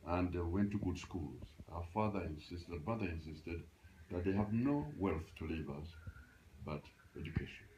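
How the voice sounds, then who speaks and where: Very deep-voiced man in his eighties. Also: a little hiss or hum, poor audio. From Uganda. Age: 80s. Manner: halting, restarts often, animated when recalling. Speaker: interviewee, grandfather. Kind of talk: casual reminiscing interview. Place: grandparents' house, indoors.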